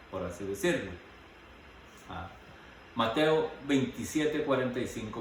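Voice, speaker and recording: A man preaching a sermon, reading Bible passages aloud between his own remarks, pausing now and then with short fillers. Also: medium pitch. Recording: very echoey hall, mic at a distance, faint noise.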